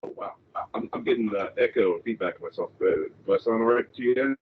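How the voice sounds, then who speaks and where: A man joins the chat over a bad connection that keeps breaking up, and his lowish voice comes through thin and phone-like. Faint noise sits under the line. He rambles loosely and leans on fillers. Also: fast. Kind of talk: casual online chat. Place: home, with others streaming nearby. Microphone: remote call mic.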